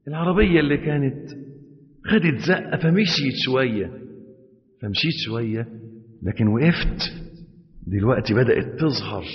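A man with an Egyptian accent voicing a calm older sheikh who gives slow, soft, measured counsel. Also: mid-range voice, natural voice. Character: calm older male sheikh, gentle and grave. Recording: reverberant dull hall recording.

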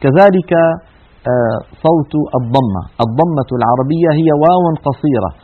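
Husky-voiced man teaching Quran recitation. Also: mid-range voice, lively intonation, normal speed. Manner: explanatory, demonstrates sounds by drawing out vowels. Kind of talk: broadcast tajweed lesson. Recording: tinny phone-like broadcast audio.

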